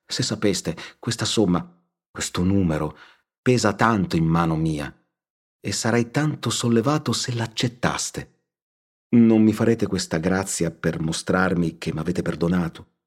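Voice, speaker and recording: A repentant nobleman, read by a man, pleads in humble, solemn tones. His voice is low and husky. It is a storybook reading. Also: a little slow. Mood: pleading. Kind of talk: audiobook reading.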